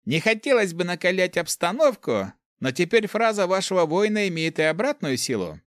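A man's voice: high voice, very animated, normal speed, no room sound, clean studio sound, pitched above the performer's own voice. Smug polite young thief, voiced by a man.

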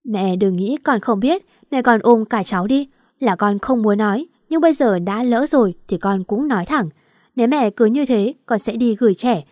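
A woman's voice: medium pitch, darkish tone, no echo, studio quality. Indignant woman narrating a story. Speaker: audiobook narrator. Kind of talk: first-person audio story narration.

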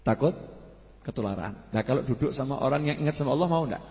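A man's voice: medium pitch, expressive, fast, a little mellow, in a large hall. A man preaching a sermon to a gathering, talking casually and asking the audience questions. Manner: conversational, asks the audience questions. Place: mosque study gathering.

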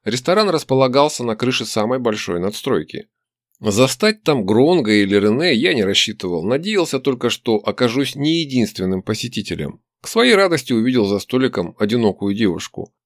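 Wry, lively male audiobook narrator. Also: mid-range voice, brisk, no echo, studio quality. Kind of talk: first-person audiobook narration.

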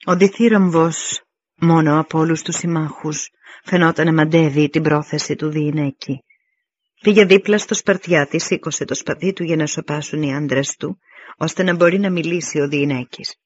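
A man narrating an audiobook in a steady, measured reading. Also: fairly high pitch, no echo, lo-fi sound.

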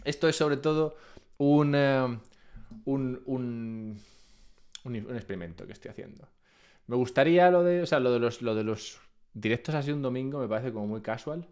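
A man's voice: medium pitch, normal speed, clear, resonant tone. A man from Spain with a Spain Spanish accent, chatting casually and rambling to his live-stream chat from home. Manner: relaxed, rambling, self-mocking.

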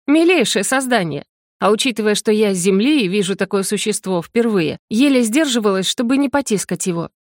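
A woman voicing a spirited young woman student who speaks in lively, indignant outbursts. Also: medium pitch, a little fast, no echo, clean studio sound, natural voice.

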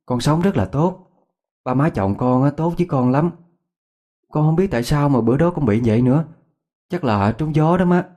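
A man voicing a cheerful young married woman, brightly reassuring. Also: mid-range voice, fairly quick, natural voice. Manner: bright, reassuring, laughing lightly.

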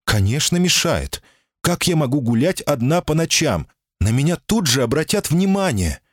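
A man's voice: a little high, sing-song, normal speed, no echo, clean studio sound, pitched above the performer's own voice. A man voicing a timid, guarded female golem in human shape, anxious and pleading, in an audiobook reading. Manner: anxious, pleading, often cries out.

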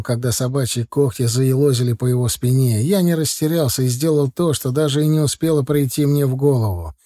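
A man narrating a first-person audiobook with steady, even storytelling. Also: medium pitch, dry recording, studio quality.

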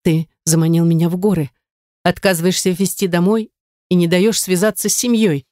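A narrator voicing a frightened but stubborn young woman who answers back with a squeak in an audiobook. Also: fairly even intonation, a little fast, a little mellow, no room sound, clean studio sound, close to an everyday voice. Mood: defiant. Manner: squeaky, sniffling, hissing. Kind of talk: audiobook dialogue.

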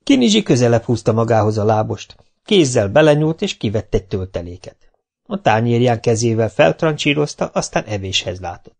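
A man reading a children's novel aloud as an amateur audiobook reader, narrating calmly and evenly. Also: medium pitch. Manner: calm, even narration with lively character voices. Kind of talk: storybook narration.

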